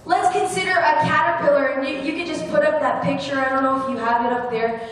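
A woman's voice: high voice, steady tone, fast, a bit bright, slight background noise. A young woman preaching a sermon at a lectern with a handheld mic, earnest and gesturing, with fillers and restarts. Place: church hall with brick wall. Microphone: handheld microphone at a lectern, recorded from the room. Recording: echoey hall from far off.

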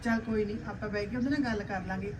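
A woman's voice: medium pitch, fairly even intonation, very fast, far from the mic, background noise, close to an everyday voice. A woman playing a soothing mother-in-law. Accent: Punjabi. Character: caring mother-in-law of a young wife.

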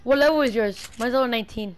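Excitable high-voiced woman gaming with a friend. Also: a little hiss or hum. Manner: excitable, rapid and loud, swears freely. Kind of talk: casual gaming chat.

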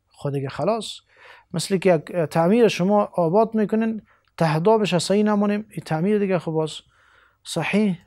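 Afghan man teaching letters, a bit high. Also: a little mellow, no room sound, clean studio sound. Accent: Afghan Dari. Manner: deliberate, spells out letters slowly, many hesitations. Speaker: Quran teacher. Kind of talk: televised religious lesson.

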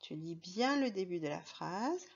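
A woman's voice: on the low side, lively intonation, unhurried, vocal fry, breathy edge, highs cut off. A woman teaching a reading lesson to young children, patient and careful, spelling words out letter by letter. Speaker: primary school teacher.

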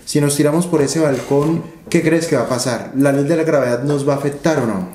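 A man's voice: on the high side, fairly quick, warm tone, a little hiss or hum. A man, explaining money matters in a seated interview with rhetorical questions and analogies. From Colombia. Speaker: interviewee, finance educator. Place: office room with large windows. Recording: roomy office echo.

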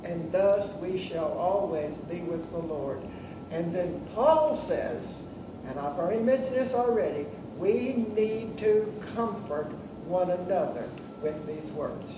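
Older pastor, high-pitched, distant and echoey. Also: male voice, expressive. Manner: solemn, measured preaching. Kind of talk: graveside committal sermon with scripture reading and prayer. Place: outdoor covered committal shelter with stone wall. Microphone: distant camera. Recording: echoey, distant, very noisy camera audio.

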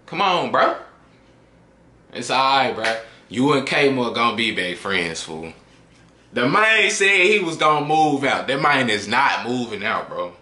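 A man's voice: medium pitch, sing-song, measured pace, bright, forceful tone, roomy sound, a little hiss or hum. A man hosting a reaction video, talking in loose slangy chat that trails off into a mutter at the ends of lines. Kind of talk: casual reaction commentary.

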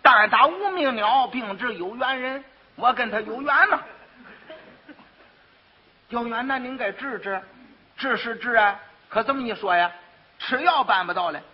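A brash quack doctor, as a man puts him on with a Beijing accent talks up his cures in boastful patter. The voice sits high and husky. The recording is old and muffled. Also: full character voice. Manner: hawking, boastful sales patter. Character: brash male quack doctor, smooth-talking swindler. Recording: dull lo-fi archive recording.

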